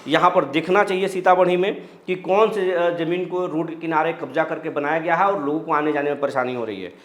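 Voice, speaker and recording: Male news host, higher voice, explanatory, reads out comments, roomy echo. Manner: explanatory, reassuring, reads comments aloud with pauses.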